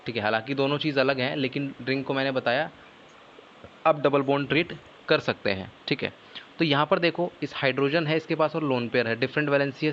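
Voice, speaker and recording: A man's voice: mid-range voice, a bit bright, lo-fi sound, a little hiss or hum. A male chemistry teacher giving an online lecture in Hindi with English technical terms mixed in, explaining step by step and often answering his own questions.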